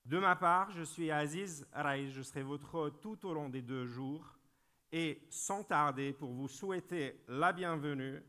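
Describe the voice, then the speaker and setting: A man's voice: on the high side, measured pace, fairly bright tone. Formal man hosting a conference. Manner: formal, announcing and welcoming. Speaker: master of ceremonies. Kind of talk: formal conference opening address.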